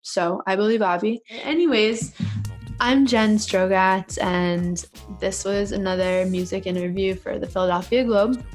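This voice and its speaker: Host casting: young woman, bubbly and teasing, unhurried delivery, easy laughs. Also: mid-range voice, a little mellow, soft background music. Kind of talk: casual video interview.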